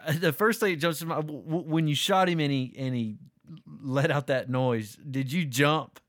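A man's voice: fairly high pitch, moderate pace, dry recording, clean studio sound. Man asking casual follow-up questions. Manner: brief reactions, relaxed follow-up questions. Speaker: podcast host. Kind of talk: casual interview chat.

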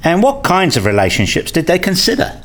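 In a radio play, a man voices a curious, skeptical interviewer, asking scripted questions in an inquisitive, articulate way. His exaggerated voice is high-pitched and a bit bright, with huge pitch swings and a slightly fast pace, and his mood is curious and probing.

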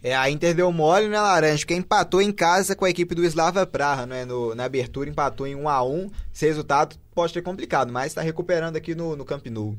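A man's voice: a little high, quick pace, few pauses. A man with a Brazilian Portuguese accent giving running play-by-play on a live football match in short, clipped phrases that follow the ball.

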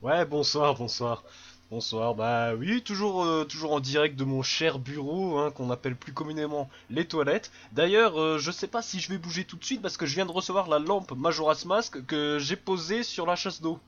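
Man, podcast guest, joking, higher voice, muffled lo-fi recording. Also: normal speed, a bit bright. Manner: joking, laughing. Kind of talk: casual podcast discussion. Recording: dull lo-fi mic.

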